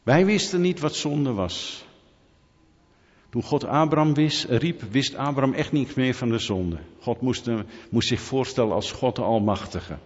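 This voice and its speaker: A preacher gives an unhurried sermon at a medium pitch, stressing his points emphatically and posing rhetorical questions to the congregation. His voice rings with a long hall reverb, and the recording sounds dull and muffled.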